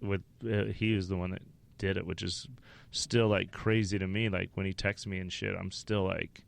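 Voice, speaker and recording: A man's voice: low-pitched, level tone, normal speed, creaky. A man from Wyoming, a stand-up comedian, telling rambling, profane stories as a podcast guest. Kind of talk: casual interview storytelling.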